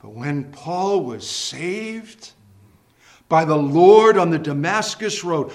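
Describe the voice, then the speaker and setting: A man's voice: on the high side, animated, takes it slowly, roomy sound. A man preaching a fervent, emphatic sermon, posing rhetorical questions to his listeners. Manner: emphatic, impassioned preaching that rises to shouting; repeatedly addresses listeners as friends.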